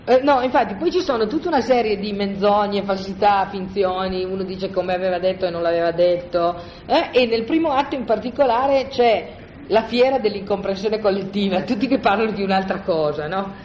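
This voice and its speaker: In a roomy space captured on dull, lo-fi gear, a Bible study teacher talks informally about scripture to a group of listeners. His medium-pitched voice is fairly quick, with a little hiss or hum and faint ambience. He's conversational and animated, restarting sentences and checking in with "no?" again and again.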